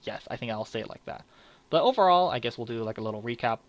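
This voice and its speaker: A man's voice: mid-range voice, animated, fast talker, no echo, lo-fi sound. A young man giving casual, frank card game commentary, rambling with fillers and restarts.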